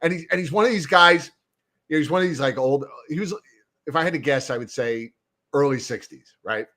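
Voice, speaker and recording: A man's voice: on the high side, brisk. A man co-hosting a sports talk show, telling a story and acting out both sides of the conversation with frequent laughs. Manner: animated storyteller, acts out dialogue, laughs often. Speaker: podcast co-host. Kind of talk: casual chat.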